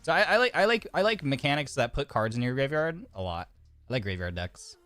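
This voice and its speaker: Here a man with a medium-pitched, fairly bright, sing-song voice talks a little fast, with no echo and soft music behind him. While streaming a card game, a bit congested from a sore throat, he chats casually, reads card text aloud, and often restarts amid fillers.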